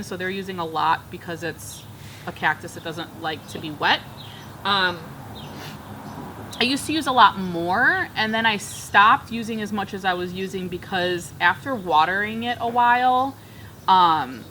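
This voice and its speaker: Her mid-range voice bright and forceful, a woman in her thirties chats upbeat as she repots plants on a backyard patio. This plant vlogger works with her hands while a camera across the table films her, with slight background noise in the recording.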